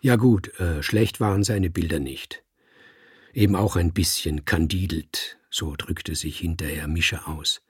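A man reading a first-person novel aloud with wry, understated storytelling and a husky, gravelly voice. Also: low voice, measured pace, dry recording, studio quality. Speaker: audiobook reader. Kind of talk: first-person literary audiobook narration.

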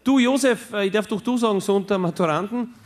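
A man voicing a chummy male groundskeeper with a high, giggly voice and an Austrian German accent. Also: quick pace, background noise, close to an everyday voice.

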